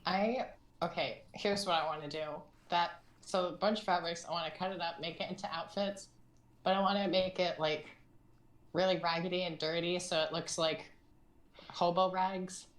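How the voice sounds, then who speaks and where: Low-voiced woman in an echoey room. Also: steady tone, moderate pace. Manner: thinking aloud, hesitant planning. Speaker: player. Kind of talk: casual tabletop game chat.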